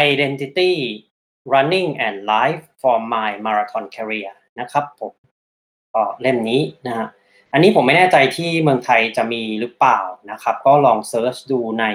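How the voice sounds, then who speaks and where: Male podcast host, casual, relaxed book-chat delivery, drops English terms. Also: mid-range voice. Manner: chatty, mixes English terms into speech.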